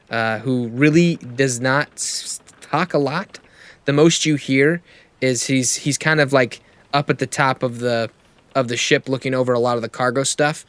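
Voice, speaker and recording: A man narrating a tabletop game as game master, loose and relaxed, with plenty of fillers. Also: mid-range voice, no room sound.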